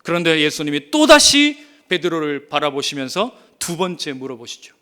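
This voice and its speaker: Bright, high-voiced, emphatic preacher man. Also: very animated, moderate pace. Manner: emphatic, storytelling, addresses the congregation directly. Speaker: pastor. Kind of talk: sermon.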